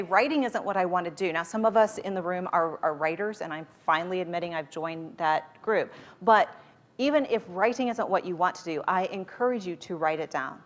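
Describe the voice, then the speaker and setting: Leading a motivational workshop for a live group, a woman with a fairly low-pitched voice talks conversationally and emphatically, frequently posing rhetorical questions.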